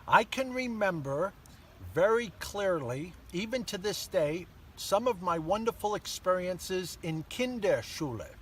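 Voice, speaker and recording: An older man, born in Germany to American parents, recounts childhood stories as a guest in a casual interview, speaking in a slightly high voice at an easy, measured pace with frequent pauses and fillers. He was recorded outdoors in a sunny park by a camera mic some distance away, with faint background noise.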